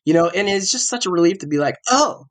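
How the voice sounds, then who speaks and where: With lively intonation and a quick pace, this podcast host's voice sits high. He's in his forties and a bit under the weather with a cough, chatting casually and rambling through restarts and self-corrections.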